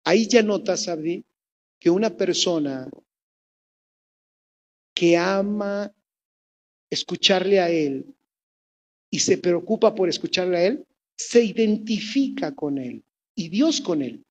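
A woman with a Mexican accent preaches a sermon, telling the story in a lively way and putting questions to the congregation. Her pitch is fairly low and her pace slow, with long pauses, and the audio sounds dull.

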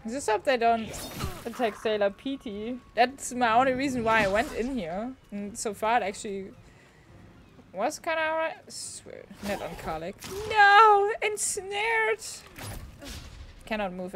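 A woman streaming a game, chatting casually, excitable and swearing freely as she reads game text aloud. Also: a little high, moderate pace, a little hiss or hum. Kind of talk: casual gaming chat. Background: faint game music.

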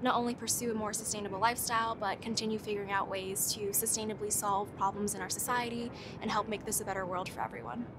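A young woman talks quickly and eagerly in a flat, even tone. She is recorded outdoors, with a clear rumble of noise under her voice. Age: young adult. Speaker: graduate student. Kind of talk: interview testimonial. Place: outdoors among greenery.

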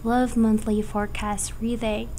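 A woman with a cold and a cracking voice, giving a casual tarot forecast in a halting, hesitant way. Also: on the high side, level tone, dark tone, a little hiss or hum. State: has a cold. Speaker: tarot reader.

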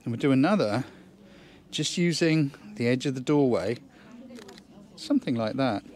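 A man's voice: medium pitch, lively intonation, normal speed, a little mellow. A man giving an enthusiastic, chatty photography lesson outdoors on a countryside hillside, thinking aloud as he works. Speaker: photography tutor. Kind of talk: instructional outdoor vlog.

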